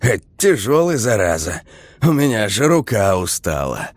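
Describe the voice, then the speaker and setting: A man's voice: lowish voice, big pitch swings, a little slow, no room sound, pitched above the performer's own voice. A man voicing a cocky, cruel teenage bully who drawls mocking remarks, often starting with a grunted "eh". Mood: sneering mocking.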